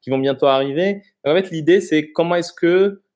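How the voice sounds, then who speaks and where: A Moroccan man in his thirties is a guest in a casual interview, explaining things haltingly and pausing frequently. His voice is on the high side and a little mellow.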